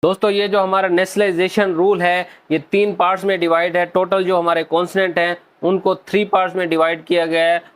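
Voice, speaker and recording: A man hosts a casual video lesson on Korean pronunciation, addressing viewers as friends and slowly spelling out sounds. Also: sits high, flat delivery, smooth. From Pakistan. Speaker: Korean language teacher, channel host.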